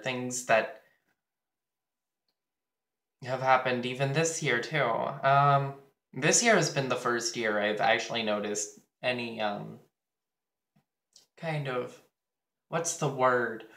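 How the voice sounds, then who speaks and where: Slow-talking teenage boy in an echoey room. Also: mid-range voice, fairly bright tone. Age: teens. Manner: candid, crude and chatty with many fillers. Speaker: vlogger. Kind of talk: casual vlog while getting ready.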